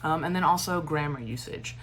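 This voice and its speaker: A low-voiced woman teaches a recorded online lesson. She keeps a steady cadence while adding animated emphasis and informal asides. A faint hum sits behind her voice. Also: a little fast. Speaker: instructor. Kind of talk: lecture for a recorded online class.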